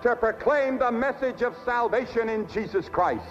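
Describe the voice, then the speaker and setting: A man's voice: very high-pitched, moderate pace, soft background music. Male preacher in an archive clip: solemn, emphatic, with a dull lo-fi sound.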